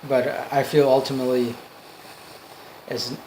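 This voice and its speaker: Halting, emphatic man in a noisy recording. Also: mid-range voice, flat delivery, a little mellow. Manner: earnest, emphatic, halting phrasing with repetition for emphasis. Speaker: amateur motivational speaker. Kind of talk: off-the-cuff motivational monologue.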